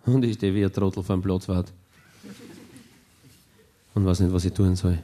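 A man with a Viennese Austrian German accent telling a dry, deadpan cabaret monologue. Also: low-pitched, moderate pace. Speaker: cabaret comedian.

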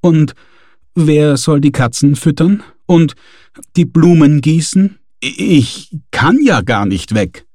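A man playing a fretful, grumbling homebody who whines his complaints, his voice climbing as he frets. The read is slow and dry. It suits a storybook narration. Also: medium pitch, expressive, mellow, dry recording. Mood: whining. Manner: whiny, complaining.

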